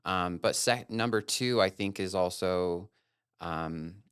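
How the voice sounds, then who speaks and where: A man's voice: sits low, takes it slowly, fairly bright tone, clean tone, no echo, studio quality. A man from Wyoming, a guest photographer, talking candidly and earnestly in a casual interview, with long run-on thoughts.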